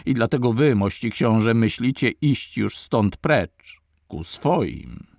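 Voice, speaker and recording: A man's voice: medium pitch, lively intonation, takes it slowly, creaky, a little mellow, no room sound, studio quality. A man voicing a bold, defiant young nobleman who accuses a prince.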